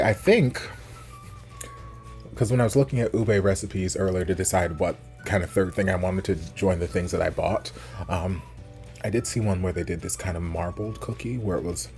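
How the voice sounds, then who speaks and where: American guy w/ a deep-ish low voice, casual food vlog rambling, thinking out loud, faint music behind. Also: normal speed. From United States. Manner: informal, thinking aloud. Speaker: food vlogger. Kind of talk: casual rambling chat to camera.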